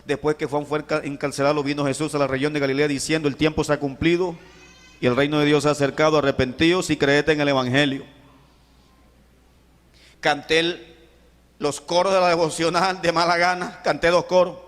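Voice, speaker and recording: A Colombian man preaches his testimony from the pulpit, telling it in a lively way with acted-out voices and sudden drops to near hushes. His voice sits fairly high for a man. The sound carries a long reverb from a large church hall. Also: a little fast. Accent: Colombian Caribbean Spanish. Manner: animated storytelling, acting out voices, swings from shouting to hushed. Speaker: pastor. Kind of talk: sermon testimony.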